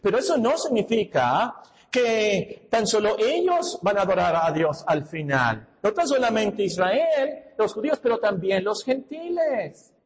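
High, lively-voiced man preaching. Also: measured pace, big-room sound, rough recording. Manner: emphatic, teacherly, asks and answers questions. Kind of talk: sermon.

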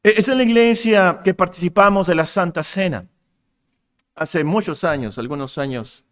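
A man preaching a sermon in earnest, rising and getting louder on key points. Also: medium pitch. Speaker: pastor.

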